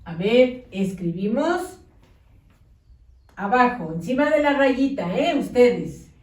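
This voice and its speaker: Woman teacher, patient dictation for small kids, slightly high voice, echoey room, a bit off-mic. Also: lively intonation, slow, distant mic. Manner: patient, coaxing, uses diminutives. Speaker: primary school teacher. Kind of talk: slow dictation lesson for young children.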